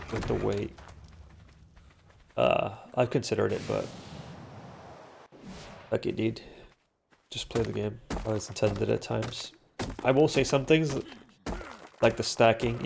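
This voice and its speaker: Rambling through a solo game session at home, a young male commentator swears freely and keeps restarting his thoughts, filling gaps with filler words. His nose sounds blocked and congested. The voice sits on the low side, gravelly yet a little mellow, over a slight hiss or hum.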